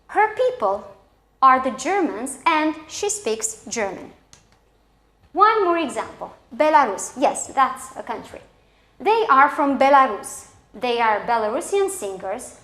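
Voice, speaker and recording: A woman with a Romanian accent and a slightly high, somewhat bright voice delivers a scripted English lesson for schoolchildren. She enunciates each example didactically, and the room sounds echoey.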